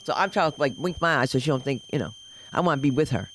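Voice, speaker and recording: An older woman of Dominican heritage doing stand-up, telling a story with lots of exclamations and quick switches into other people's voices. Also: a bass voice, noisy background. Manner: animated, shifts voices for characters, exclamatory. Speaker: stand-up comic. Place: comedy club open mic.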